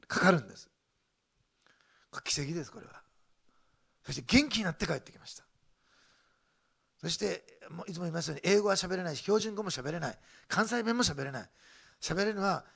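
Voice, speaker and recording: A man's voice: a little high, gravelly, fairly bright tone. A man preaching a sermon as pastor, telling a story with emphatic stress and laughing between points.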